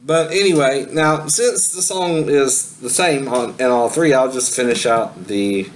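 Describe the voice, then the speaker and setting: A mid-range male voice, a bit slow and recorded at low quality with some background noise, leads a relaxed spoken singing lesson. The teacher rambles, laughs often and keeps tossing in "right?" to check that the listener follows.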